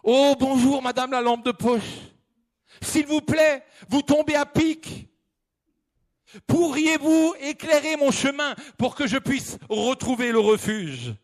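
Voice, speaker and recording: A man acting out a frightened lost male hiker who cries for help in a shrill, frantic voice during a sermon parable. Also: slow. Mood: pleading.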